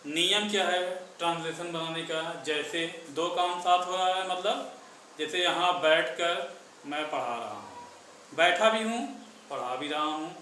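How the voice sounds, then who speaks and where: A man teaching an English grammar lesson in a classroom, slowly repeating words one at a time. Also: a little high, sharp tone, slight background noise. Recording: echoey room from far off.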